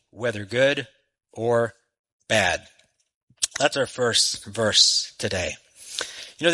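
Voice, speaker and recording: Guest preacher in his forties, forceful tone, chatty delivery, repeats himself as he goes. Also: medium pitch, poor audio. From Texas. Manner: friendly, conversational with frequent restarts. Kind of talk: sermon. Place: church sanctuary. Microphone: microphone.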